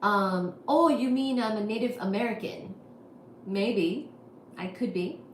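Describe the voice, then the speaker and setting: A woman's voice: medium pitch, measured pace. Chatty woman in an echoey room. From India. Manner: chatty, wry, answers chat questions. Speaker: livestream host. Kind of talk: casual chat reading viewer comments. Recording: echoey room with faint noise.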